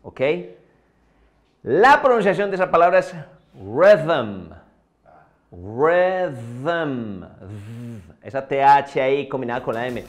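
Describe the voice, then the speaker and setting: Lively man teaching pronunciation. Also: a little high. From Colombia. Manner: drills words slowly, repeating each one. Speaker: English teacher. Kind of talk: pronunciation lesson.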